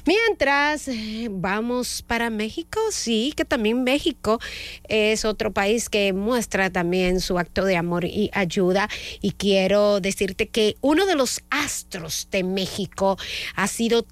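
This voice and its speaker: A woman's voice: mid-range voice, takes it slowly, no room sound. Chatty Dominican woman radio host. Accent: Dominican Spanish. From Dominican Republic. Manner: warm and chatty, with fillers and self-corrections. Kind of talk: morning radio presenting.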